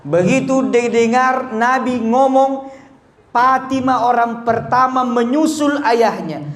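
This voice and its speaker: A man's voice: very high voice, takes it slowly. A man preaching a humorous condolence sermon with a Bugis-Makassar accent, joking and quizzing his audience directly. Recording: echoey room with faint background noise.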